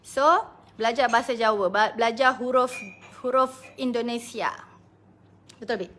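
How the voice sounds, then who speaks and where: A woman's voice: fairly high pitch, steady tone, moderate pace, a bit bright, slight background noise. A Malaysian woman business coach chatting casually on a live stream, greeting viewers by name and laughing often.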